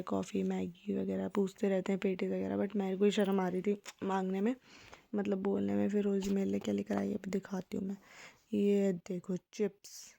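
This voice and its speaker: A young woman narrating a casual vlog voice-over in a soft, hushed, chatty way. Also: mid-range voice, gravelly. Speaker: vlogger.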